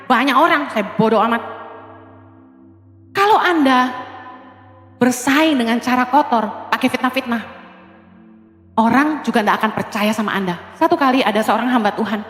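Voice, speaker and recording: A middle-aged woman pastor preaching a lively, conversational sermon from a church stage. She mixes in English phrases and swings between loud calls and low asides. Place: church stage before a congregation. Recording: echoey hall, reverb.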